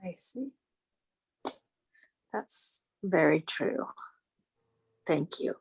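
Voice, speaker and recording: Hesitant, creaky-voiced woman, very slow. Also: fairly low pitch, animated. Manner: tentative, halting, reflective. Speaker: client in a channeling session.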